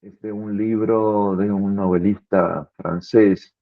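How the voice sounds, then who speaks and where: A man's voice: on the low side, fairly even intonation, slow pace, gravelly, dry recording. A man in an earnest, reflective philosophical conversation, often repeating words as he thinks. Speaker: philosophy commentator. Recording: tinny phone-like line.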